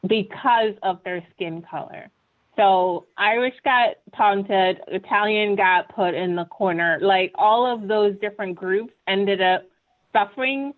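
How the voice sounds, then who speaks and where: A Ghanaian woman serves as a webinar panelist, presenting earnestly and conversationally while often checking in with "right?". Her medium-pitched voice is a little slow, and the video call audio sounds tinny.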